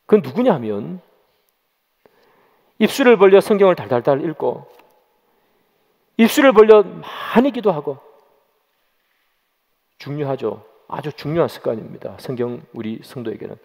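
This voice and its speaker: A man's voice: fairly high pitch, very animated, normal speed, vocal fry, pauses often, a little mellow. A man preaching a sermon as pastor, dramatic and questioning the congregation, acting out quoted voices. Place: church sanctuary. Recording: long church reverb.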